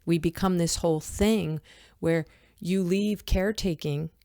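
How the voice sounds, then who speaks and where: Woman, yoga-teacher host, low gravelly voice, earnest and direct. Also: a little slow, warm tone, no room sound, clean studio sound. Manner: earnest, addresses listeners as "my friends". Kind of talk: reflective podcast conversation.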